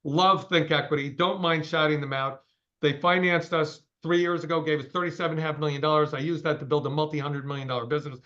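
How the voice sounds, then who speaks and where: Ceo guy in his 60s talking fast and forceful, kinda dull lo-fi call sound. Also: fairly high pitch, steady tone. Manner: emphatic, straight-talking, fast bursts. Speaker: company CEO guest. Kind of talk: interview over a call.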